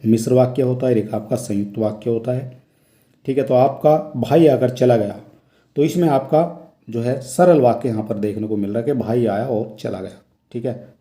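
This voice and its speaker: A man's voice: mid-range voice, dark tone. A man teaching Hindi exam questions, reading each question aloud and explaining the answer step by step. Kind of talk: exam question walkthrough lesson. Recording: echoey room.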